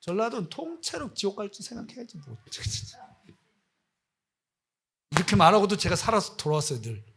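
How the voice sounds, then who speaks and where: A man's voice: sits high, very animated, moderate pace, creaky, pauses often, fairly bright tone, husky. A man preaching as a missionary, impassioned and scolding, firing off rhetorical questions at his listeners. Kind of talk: sermon.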